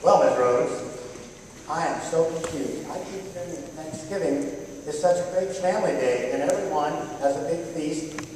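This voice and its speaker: A woman's voice: sits low, normal speed, darkish tone, a little hiss or hum, lightly acted. A woman teacher playing a frightened, confused young male turkey in a school stage play, pleading in a childlike way. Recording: echoey hall from far off.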